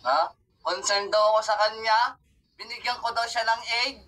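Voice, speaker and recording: A woman rapping in an online battle, shouting aggressive insults. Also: on the high side, fairly even intonation, moderate pace. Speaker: battle rapper.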